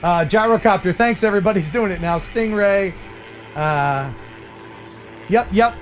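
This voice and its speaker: A man's voice: sits high, moderate pace, soft background music, low-quality recording. A man hosting a live stream in casual chat, with a joking, teasing manner.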